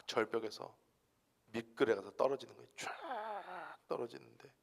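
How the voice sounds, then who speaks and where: A man with a somewhat high, gravelly voice preaches a Friday night sermon in a church. He swings between hushed whispers and loud, fervent outbursts, delivering it dramatically. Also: animated, moderate pace. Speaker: pastor.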